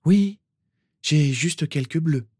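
A man's voice: fairly high pitch, slow, mellow, husky, voice pushed up. A man voicing a cheerful, tough young woman who speaks in a breezy, offhand way.

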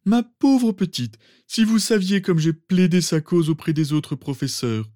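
A man voicing a pompous, sentimental old male wizard professor, with theatrical, drawn-out exclamations. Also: high-pitched, warm tone, no echo, clean studio sound. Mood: fussing. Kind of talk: fan audiobook reading.

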